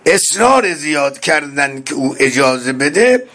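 A man delivering a mourning sermon in a husky, breathy voice. He races through murmured stretches and then slows into loud, high-pitched cries. He recites Arabic lines and glosses each one. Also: very animated. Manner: swings between fast murmured passages and slow shouted climaxes; quotes Arabic phrases then explains them in Persian. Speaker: preacher.

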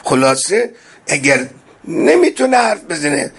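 A man preaching a mourning sermon. He rushes through some passages and slows into loud, high cries at the peaks. He quotes Arabic phrases and then explains them. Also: sing-song, gravelly, husky. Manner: swings between fast murmured passages and slow shouted climaxes.

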